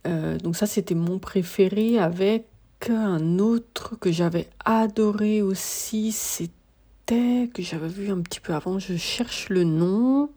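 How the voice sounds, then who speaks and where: A woman's voice: mid-range voice, slow, mellow, husky. A tired woman hosting a casual solo podcast, talking hesitantly with many filler sounds and restarts. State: tired, worn out. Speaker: podcast host.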